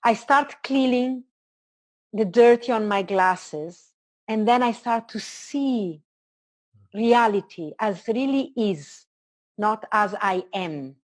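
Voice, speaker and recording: Woman, Italian accent, mid-pitched voice, earnest spiritual teaching, expansive manner, short reflective phrases. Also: lively intonation, slow. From Italy. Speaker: spiritual teacher being interviewed.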